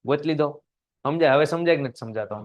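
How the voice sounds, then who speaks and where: A young man, teaching a poem in a live online class. He switches between loud emphasis and low asides and talks to viewers in the chat. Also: fast, dull audio. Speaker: English teacher.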